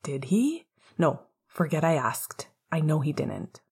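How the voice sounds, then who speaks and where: A woman's voice: deep voice, sing-song, slow, gravelly, husky, heavily acted. A woman doing a rueful lovesick young man. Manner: quiet, rueful, groaning. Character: weary lovesick young man, self-mocking.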